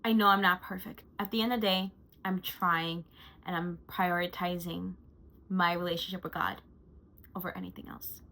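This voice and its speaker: Chatty woman doing a monthly recap vlog, bright crisp tone, gushes a lot, says like a ton. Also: fairly low pitch, level tone, normal speed, poor audio. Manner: gushing and chatty, with frequent "like". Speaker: lifestyle vlogger.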